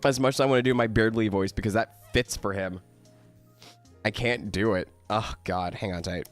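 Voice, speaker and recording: A man's voice: fairly low pitch, steady tone, moderate pace, soft background music. A sick, coughing man streaming games and chatting casually, rambling with lots of "like". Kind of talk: casual gameplay chat.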